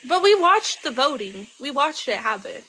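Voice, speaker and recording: Hesitant young woman, slightly high voice. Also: sing-song, moderate pace, bright, forceful tone, slight background noise. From Colorado. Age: 20s. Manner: hesitant, nervous. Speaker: caller. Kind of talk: casual chat.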